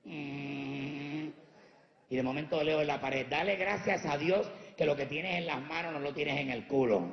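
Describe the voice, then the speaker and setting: A man's voice: fairly high pitch, measured pace, echoey room, big-room sound, highs cut off. A man from Puerto Rico with a Puerto Rican accent doing brash, profane stand-up comedy before a live audience, teasing the crowd. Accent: Puerto Rican Spanish.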